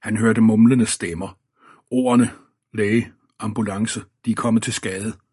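A man with a husky voice reading an audiobook in measured, scripted narration. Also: fairly low pitch, steady tone, darkish tone, no echo, clean studio sound. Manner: measured storytelling.

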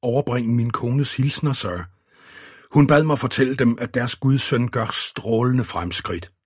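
A man voicing a cheerful young detective who exclaims with raised, excited pitch in an audiobook. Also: slightly rough, no room sound, studio quality, lightly acted. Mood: careful.

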